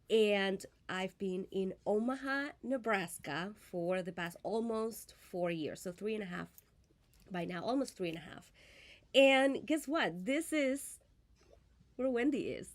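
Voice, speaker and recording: A woman's voice: medium pitch, unhurried. Chatty woman. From Venezuela. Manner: friendly, chatty, many fillers and restarts. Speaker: host of a live crafting stream. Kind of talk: casual live-stream chat.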